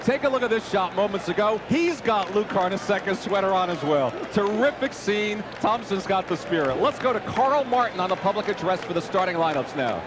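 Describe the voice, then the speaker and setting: A man's voice: high-pitched, lively intonation, a little fast. A man giving live television sports commentary from an arena. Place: large indoor basketball arena. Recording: loud crowd roar and noise. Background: roaring arena crowd.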